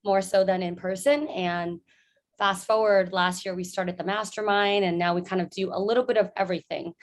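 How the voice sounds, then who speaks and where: A woman's voice: medium pitch, steady tone, normal speed. Friendly woman guest telling her story. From San Francisco, US. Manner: friendly, laughs often, storytelling. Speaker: guest, founder. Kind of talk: casual interview chat.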